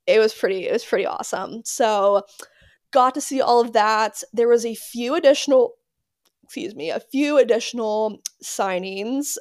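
A young woman hosting a casual solo podcast, excitable and gushing, with lots of fillers and repeated words. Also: on the high side, dry recording, studio quality. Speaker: podcast host.

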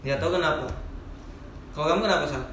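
An echoey room carries a young man's slightly high voice. He hosts a casual podcast informally, steering the conversation with questions over faint background noise. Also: quick pace, a bit bright. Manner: informal, question-led hosting. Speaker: podcast host.

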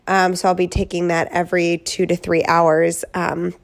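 A woman's voice: on the low side, completely flat delivery, moderate pace, creaky. A woman talks through her podcast in a loose, chatty way. Her voice is congested and thick from a head cold. She leans on ums and likes as she goes. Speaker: podcast host. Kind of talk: casual solo podcast talk.

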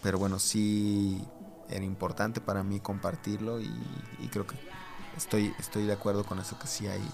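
A man with a Mexican accent telling a personal story as a podcast guest, hesitant and halting with many fillers. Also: lowish voice, little pitch movement, creaky, music in the background. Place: recording booth.

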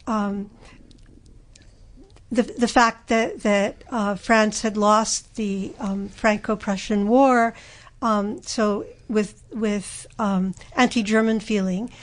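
A woman answers interview questions with a slightly high voice. She talks slowly and carefully, with plenty of ums and restarted phrases. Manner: hesitant, many fillers and restarts. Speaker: guest expert. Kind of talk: interview answer, historical explanation.

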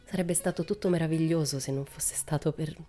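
A woman narrating a children's audiobook in a calm, expressive storytelling manner. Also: deep voice, brisk, soft background music.

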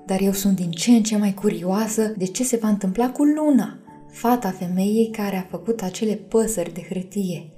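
A woman narrates a bedtime story in a gentle, mellow voice with a dark tone. She reads steadily, speaking warmly to her listeners. Faint music plays behind her. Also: mid-range voice. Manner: gentle, addresses listeners as dears.

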